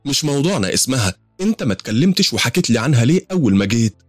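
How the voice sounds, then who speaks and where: A man's voice: mid-range voice, sing-song, rapid-fire, dry recording, faint music behind, voice pushed up. A man with an Egyptian accent voicing a worried young wife who fears a scandal. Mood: anxious. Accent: Egyptian Arabic. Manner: worried, pleading. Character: anxious young wife, a college lecturer.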